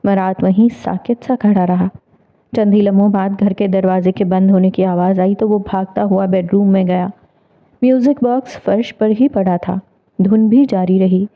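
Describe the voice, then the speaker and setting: A woman narrating a dramatic novel in a measured, expressive storytelling manner. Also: mid-range voice. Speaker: audiobook narrator. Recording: tinny phone-like audio.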